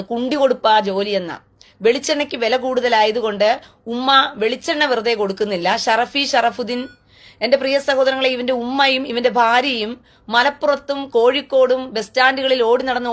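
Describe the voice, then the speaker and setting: A woman's voice: a little high, normal speed. A woman delivering a mocking rant to the camera as an online political commentator, taunting in a sing-song way and stretching out repeated jeers.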